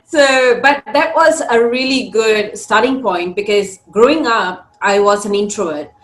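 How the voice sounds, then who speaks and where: A woman's voice: on the high side, measured pace, roomy sound, rough recording. A young woman from Singapore, a career coach talking as a podcast guest, thoughtful and full of fillers. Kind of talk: conversational interview.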